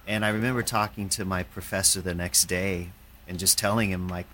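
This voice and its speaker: A man, a painter, talking in a halting, reflective way, with many fillers and restarts. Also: low-pitched, fairly even intonation, bright, forceful tone, a little hiss or hum. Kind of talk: casual conversation.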